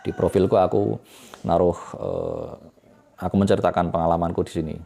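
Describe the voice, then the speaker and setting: A man giving a relaxed, chatty English lesson, explaining step by step with fillers and quick self-corrections. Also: sits low, vocal fry. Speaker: English tutor.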